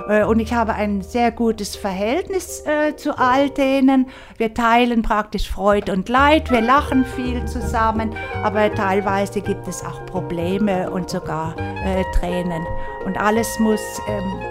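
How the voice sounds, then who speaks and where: Woman volunteer, slow and halting, lots of ums, faint music under her. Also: a little high. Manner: hesitant, many filler sounds. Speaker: volunteer German tutor. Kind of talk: interview statement.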